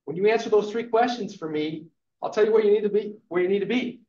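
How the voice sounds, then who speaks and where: Speaking fast in a high, warm voice, this fifty-something man gives a live class a forceful, inspiring talk on real estate, dropping in "okay" between points. The recording has a lo-fi, muffled quality and an echoing room.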